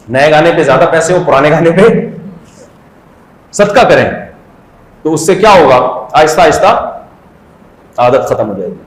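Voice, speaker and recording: An Islamic scholar with a voice on the high side delivers a conversational, humorous sermon in an echoey room, captured on a rough recording. He tells stories, cracks jokes, and briefly acts out voices in his anecdotes.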